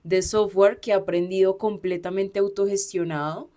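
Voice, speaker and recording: A woman's voice: medium pitch, steady tone, normal speed, dark tone. A woman who teaches Spanish, co-hosting a podcast in casual conversational chat, telling a story fluently with small restarts.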